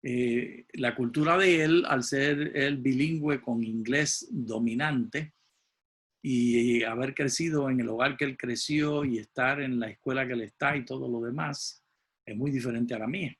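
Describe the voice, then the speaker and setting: A man leading a class as its teacher in a conversational way, with a husky voice. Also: medium pitch, fairly even intonation, measured pace, a bit bright.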